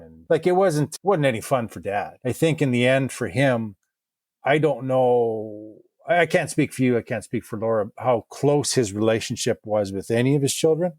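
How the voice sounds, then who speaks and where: A man, a podcast guest, speaking softly and haltingly as he searches for words in a reflective interview. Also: medium pitch, no echo.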